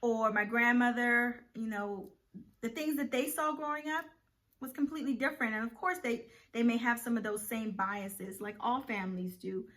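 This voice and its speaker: A woman's voice: a little high, steady tone, moderate pace, fairly bright tone. A woman from Guyana co-hosting a casual chat with her husband, explaining points and pulling the talk back on track. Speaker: co-host.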